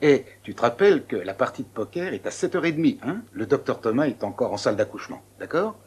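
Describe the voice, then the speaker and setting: A man's voice: mid-range voice, sing-song, fast, a little mellow, slightly rough. A man playing a jovial, teasing cafeteria worker. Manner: joking, matey. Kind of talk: French dub of a TV film.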